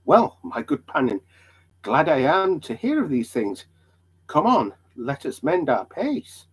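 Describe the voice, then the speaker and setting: Man acting an eager, hammy, high-voiced traveller. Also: big pitch swings, a little slow, breathy edge, exaggerated voice. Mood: delighted. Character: Pliable, eager, credulous, curious male traveller. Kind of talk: dramatic reading of old allegory.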